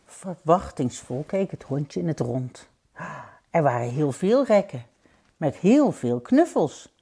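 A woman reading a children's storybook aloud, expressive and gentle, with playful sound effects. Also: deep voice, slow pace, breathy edge.

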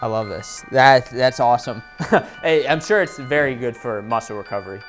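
A man's voice: medium pitch, normal speed, soft background music. A man hosting a wrestling channel, eagerly asking a coach questions during a casual tour. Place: indoor college wrestling facility.

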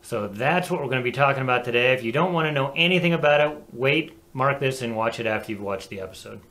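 Chatty, animated man co-hosting a talk show. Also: medium pitch, quick pace. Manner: animated, chatty, laughs easily. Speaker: co-host. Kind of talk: casual chat.

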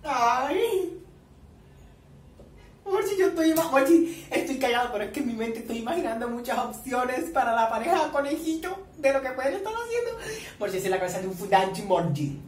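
A man with a Colombian Caribbean coast accent reacting excitedly to a series, swearing often and breaking into shrieks and squeals. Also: very high voice, a little fast. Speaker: reaction vlogger. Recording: echoey room, distant mic, faint noise.

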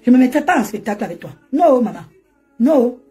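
A woman's voice: fairly high pitch, sing-song, fast talker, dark tone, soft background music. A woman ranting and mocking on a live stream from home, laughing often as she talks into her phone. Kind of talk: animated Facebook live rant.

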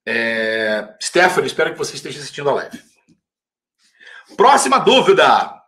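A man with a Brazilian Portuguese accent teaching English in a relaxed live Q&A, answering viewers' questions and saying example phrases slowly and carefully. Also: mid-range voice. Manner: casual, chatty, reads viewer questions aloud. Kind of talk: live-stream Q&A lesson.

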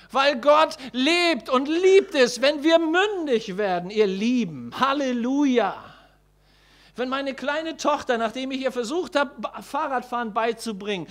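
A man preaching a sermon, emphatic, repeating key phrases and asking the congregation questions, slowing down to stress words. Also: very high voice, a bit bright.

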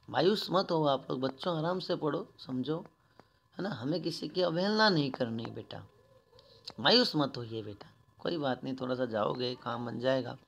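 A male teacher giving a patient school lesson, explaining each word one at a time and reading the verses slowly and more loudly. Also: mid-range voice, creaky. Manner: reads verses slowly and louder.

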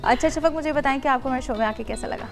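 High-voiced woman hosting a cooking show. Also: fast talker, faint music behind. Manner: chatty, addresses viewers directly, many affirming hums. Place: bright studio kitchen set.

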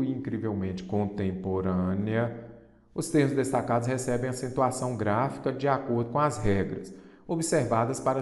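A man's voice: medium pitch, a little mellow, roomy sound, in a large hall. A male teacher with a Brazilian Portuguese accent, explaining exam questions step by step and answering his own questions. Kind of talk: exam-prep lesson.

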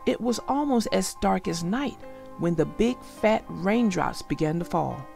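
A woman reading a children's storybook aloud, gentle and expressive. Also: on the low side, measured pace, vocal fry, soft background music.

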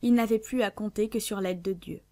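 A woman reads a classic adventure novel aloud as an audiobook narrator. Her delivery is measured and clear, pitched in an ordinary middle range. The sound is dry and close, with no room around it. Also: mellow, dry recording. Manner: measured, clear literary reading.

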